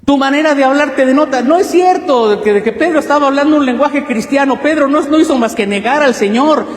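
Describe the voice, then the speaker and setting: A man's voice: extremely high pitch, brisk. A male pastor with a Mexican accent preaching a sermon, emphatic and full of rhetorical questions, in a church. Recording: echoey church hall.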